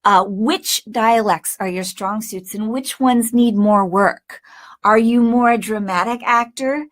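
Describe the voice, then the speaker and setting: A woman coaches voice acting in a casual teaching talk, pressing her points with emphatic stressed pauses and side remarks. Her voice sits a little high.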